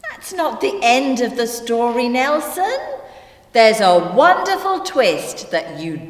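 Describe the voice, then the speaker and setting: An actress playing a female detective who patiently explains the story to her sidekick, in a deliberate way. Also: on the high side, sing-song. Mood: teasing. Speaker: actor in church children's video. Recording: echoey hall with long reverb.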